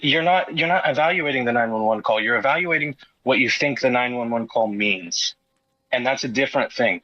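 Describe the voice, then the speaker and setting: Male doctor in an online debate, measured and corrective, bright tone, muffled lo-fi call audio. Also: medium pitch, no room sound. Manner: measured, corrects word meanings.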